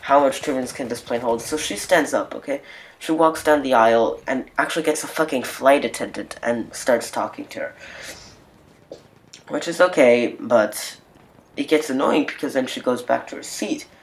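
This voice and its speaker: A man's voice: medium pitch, moderate pace. A young man recounting a story in a loose, irritated vlog manner. He swears constantly and leans heavily on "like" and "you know" as fillers, keeping everything casual and unscripted. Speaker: vlogger.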